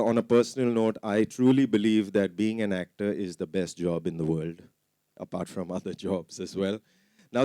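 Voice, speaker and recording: A man works as a stage host. His voice is clean and resonant, with a dry sound and mid-range pitch. He announces with theatrical emphasis, playing up names and key words. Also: a little mellow, clear, resonant tone, dry recording. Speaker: event host. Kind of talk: stage announcing at a film launch.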